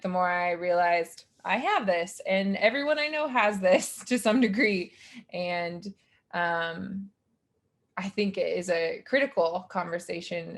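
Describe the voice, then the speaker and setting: A young woman hosts a podcast interview in a chatty, gushing way, with plenty of likes and ums. Her pitch sits in the middle range for a woman. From Utah, United States. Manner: warm, gushing, chatty with fillers. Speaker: podcast host, grad student.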